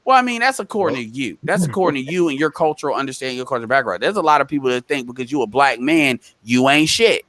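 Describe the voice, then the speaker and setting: A man's voice: medium pitch, animated, fast talker, hardly any pauses, a bit bright, dry recording. A man in a heated casual panel debate, rambling and emphatic with lots of profanity.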